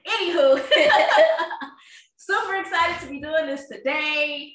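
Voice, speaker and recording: A woman's voice: sits high, slow pace, a little hiss or hum. Bubbly woman hosting a podcast, laughs a lot, kinda roomy echo. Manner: bubbly, laughs often, loud. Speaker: podcast co-host. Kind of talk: casual chat.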